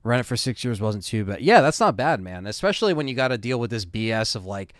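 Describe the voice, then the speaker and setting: A man's voice: mid-range voice, big pitch swings, fast, dry recording. A man in his thirties hosting a live stream, chatting casually and reading viewer comments with loose fillers. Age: 30s.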